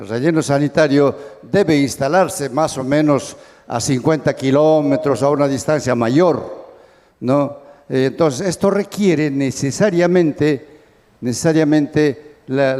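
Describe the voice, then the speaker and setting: A man of middling pitch speaks up from a conference audience, searching for his words and filling the gaps with hesitations. A long hall reverb trails behind his voice. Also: darkish tone. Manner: halting, searching for words with many fillers. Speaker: audience member asking a question. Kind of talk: conference Q&A question.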